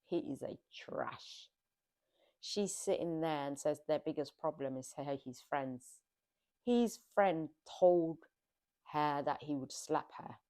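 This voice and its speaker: Low-voiced woman ranting over reality TV. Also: takes it slowly. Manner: exasperated, scolding, animated. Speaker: reality TV commentator. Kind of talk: casual reaction commentary.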